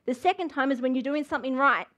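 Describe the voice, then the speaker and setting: A woman's voice: high voice, fast talker, a bit bright. A woman preaching a sermon, fervent and emphatic, with lots of repetition.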